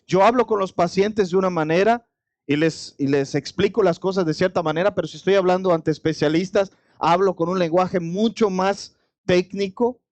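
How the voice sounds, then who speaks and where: A pastor with a Mexican accent preaches a sermon in a conversational style, speaking directly to the congregation and asking many rhetorical questions. His voice sits high, a little mellow, at a moderate pace, with no room sound.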